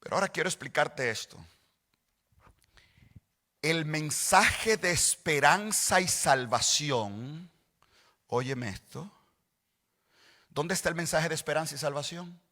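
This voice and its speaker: A male pastor preaching a sermon, slow and deliberate, repeating phrases and rising to shouts on quoted scripture. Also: a little high, expressive, in a large hall. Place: large church hall.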